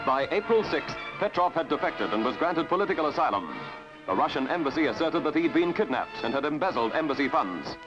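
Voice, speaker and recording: A man giving crisp, declamatory 1950s newsreel commentary with dramatic emphasis, as an old newsreel narration. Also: a little high, sing-song, brisk. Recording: dull lo-fi 1950s newsreel soundtrack with music.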